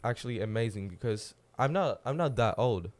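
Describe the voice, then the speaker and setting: A man's voice: medium pitch, expressive, brisk, a little mellow. A teenage man from Poland with a Polish accent, a guest speaking in casual podcast chat who searches for words with many fillers. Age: teens. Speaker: guest, student youth leader.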